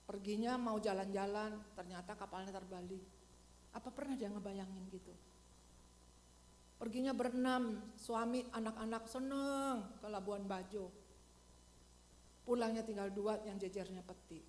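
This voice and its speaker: A woman pastor preaching a sermon, animated and colloquial, swinging from loud cries to hushed asides. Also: mid-range voice, unhurried, long pauses, slight background noise. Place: church hall. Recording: echoey church hall.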